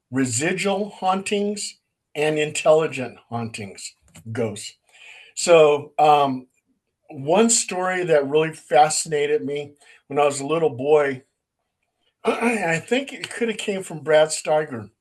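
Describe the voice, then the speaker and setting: A man who is a paranormal investigator and co-host, telling stories in a casual, animated way and acting out quotes. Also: fairly high pitch, poor audio. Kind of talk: casual storytelling chat.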